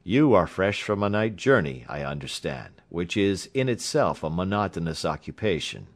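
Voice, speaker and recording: Man as a Victorian gentleman doctor, low pitch, varied intonation, firm, formal, concerned, storybook dialogue. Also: very animated, moderate pace. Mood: courteous. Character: calm, authoritative, sympathetic male doctor of Victorian tale.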